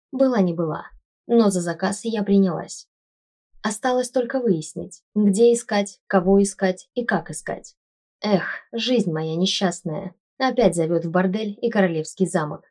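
A woman's voice: medium pitch, a little mellow. Wry woman narrating an audiobook. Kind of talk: first-person audiobook narration.

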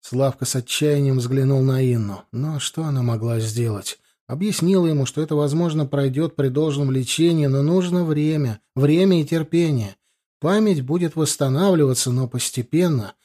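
A man narrating a story as an audiobook in a steady, even manner. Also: fairly high pitch, normal speed.

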